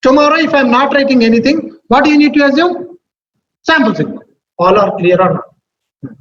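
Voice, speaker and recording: High-pitched Telugu-accented man lecturing, echoey room. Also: expressive, fairly quick, a bit bright. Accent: Telugu Indian. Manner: repeats phrases and checks in with questions. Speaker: teacher. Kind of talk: live classroom maths lecture. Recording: echoey room, dull sound, faint noise.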